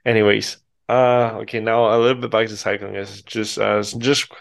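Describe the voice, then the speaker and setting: A man's voice: lowish voice, level tone, moderate pace, creaky. A man hosting a podcast, chatting casually and putting unscripted questions to his guest. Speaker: podcast host, interviewer. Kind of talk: casual unscripted interview chat.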